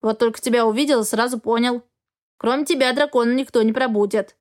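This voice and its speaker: A woman's voice: a little high, steady tone, brisk, lightly acted. A woman voicing a senile, grumpy old male raven in a storybook reading, indignant and scolding. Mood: grumbling.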